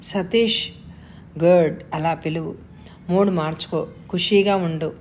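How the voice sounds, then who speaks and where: A woman's voice: on the low side, steady tone, a little slow, darkish tone, a little hiss or hum, lightly acted. A woman voicing a suave, wealthy young man who speaks with playful confidence in a storybook reading. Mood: teasing.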